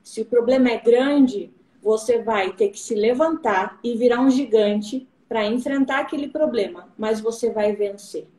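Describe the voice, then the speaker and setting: A woman's voice: a little high, a little slow, hardly any pauses, dark tone. A woman guest in a casual live-stream conversation, talking in an earnest, encouraging way and quoting scripture. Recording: roomy live-stream audio.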